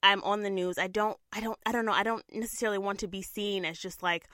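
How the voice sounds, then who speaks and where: Bright, chatty young woman podcaster. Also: mid-range voice, fairly even intonation, quick pace, dry recording, studio quality. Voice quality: throaty and nasal. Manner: chatty, laughs often, many fillers. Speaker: podcast co-host and TV news reporter. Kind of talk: casual podcast chat.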